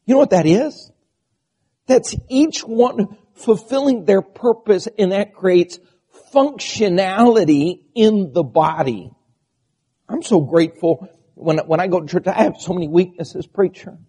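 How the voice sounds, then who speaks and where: Strained, bleating high-voiced male preacher. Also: a little slow, dark tone, husky. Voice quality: strained, quavering, bleating voice from a vocal disorder (spasmodic dysphonia). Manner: rhetorical questions and repeated lists. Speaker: preacher and church pastor. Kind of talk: sermon.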